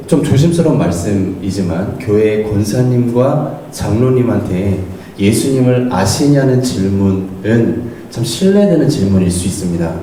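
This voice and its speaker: A middle-aged man preaches with a lively, swinging delivery, acting out little quoted lines. His voice is mellow and warm. It was recorded at a distance in a very echoey church hall with faint noise behind. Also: mid-range voice. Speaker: associate pastor. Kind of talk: sermon.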